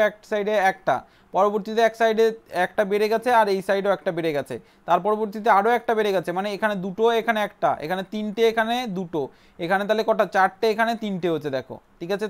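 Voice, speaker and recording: A man teaching an entrance-exam prep lesson, briskly counting items aloud and repeating each answer. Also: sits high, smooth.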